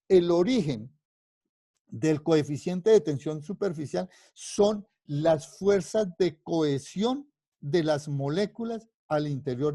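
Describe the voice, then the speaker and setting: A male physics professor giving a university lecture, his voice pitched a little high yet warm and mellow. He walks through the reasoning patiently, keeps asking his students whether they follow, and rephrases himself as he goes. The sound is dry, with no room echo. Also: creaky. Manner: explanatory, constantly checking understanding with questions; rephrases and restarts mid-sentence while thinking aloud.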